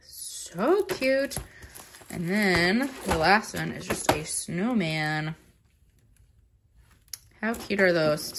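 A woman's voice: mid-range voice, fairly bright tone, a little hiss or hum. A young woman chatting casually through a grocery haul, rambling with many fillers, filmed at home on a phone. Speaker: vlogger. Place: home kitchen counter.

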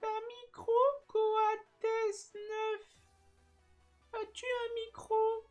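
A man's voice: very high-pitched, extremely slow, soft background music, full character voice. A whiny little boy gamer. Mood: timid. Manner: childish, whining, excited squeals. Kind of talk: prank voice in online game chat.

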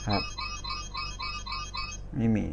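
A man's voice: drawn-out words, faint music behind. A Thai-accented man talking casually as he demos and reviews a toy, pointing things out as he goes. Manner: chatty, hands-on, pointing things out.

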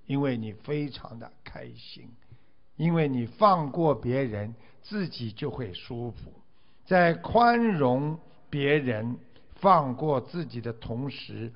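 A man giving a Buddhist dharma talk, exhorting his listeners and stretching out drawn 'ah' particles between phrases. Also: a little high. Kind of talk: sermon. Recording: dull lo-fi recording.

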